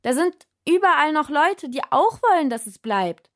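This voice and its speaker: A woman playing a young woman who shouts high and strained to be heard over loud music. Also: slow pace. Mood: shouting.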